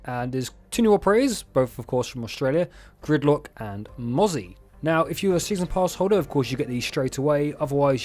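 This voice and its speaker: Young male gaming host, casual voice-over, mid pitch, cheeky asides. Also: a little mellow. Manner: chatty, joking asides, self-mocking. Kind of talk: casual game update rundown over gameplay.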